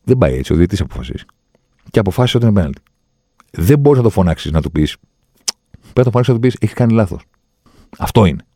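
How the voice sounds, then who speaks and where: A man's voice: deep voice, sing-song, pauses often, warm tone, no echo, studio quality. A man explaining football refereeing rules in an opinionated monologue, insistent and given to acting out what others say. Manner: explains rules insistently, acts out quoted voices. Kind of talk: opinionated talk-show monologue.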